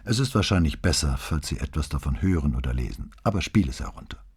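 A man's voice: rumbling low, expressive, fast talker, a little mellow, breathy edge, exaggerated voice. Man voicing a weary, subdued commissioner. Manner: subdued, downplaying. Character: weary, shaken middle-aged police commissioner. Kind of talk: audiobook dialogue.

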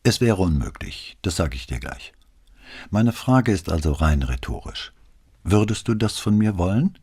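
A man voicing a sharp-tongued woman who argues back with pointed questions in an audiobook. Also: low-pitched, sing-song, measured pace, gravelly, husky, exaggerated voice. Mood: calm, firm. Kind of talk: audiobook reading.

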